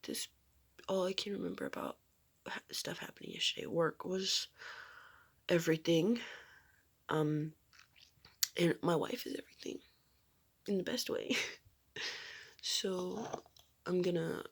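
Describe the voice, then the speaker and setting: Young woman, vlogger, casual rambling chat, giggly, whispery asides, gravelly fry. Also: on the low side, measured pace, pauses often. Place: her room at home.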